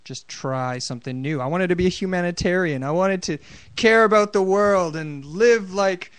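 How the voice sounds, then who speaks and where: A man with a fairly high, smooth voice tells a story in a casual podcast chat. He sounds animated and a little defensive. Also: moderate pace, dry recording. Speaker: podcast guest.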